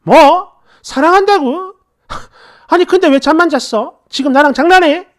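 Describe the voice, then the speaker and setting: A man voicing a furious, tearful young woman who shouts at her boyfriend. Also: a little slow. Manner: shrill, shouting.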